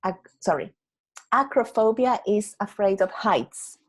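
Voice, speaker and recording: A woman teaching an English class over a video call. She explains patiently, repeats words slowly and keeps checking with "yeah?". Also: mid-range voice, animated, rough recording. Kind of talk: online English lesson.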